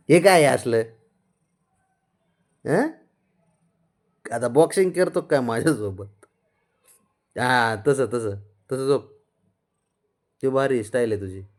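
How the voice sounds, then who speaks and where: A man's voice: mid-range voice, takes it slowly, long pauses. A man at home filming his pet cat on a phone, coaxing it playfully with short repeated commands and frequent laughter. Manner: laughs often while talking. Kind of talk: casual talk to a pet. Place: indoors at home.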